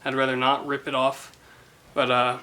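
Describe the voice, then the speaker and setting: A man's voice: medium pitch, normal speed. Young guy doing a garage car vlog, chatty and hyped, laughs at himself, faint noise behind. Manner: excited, casual, self-mocking. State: out of breath. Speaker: car vlogger.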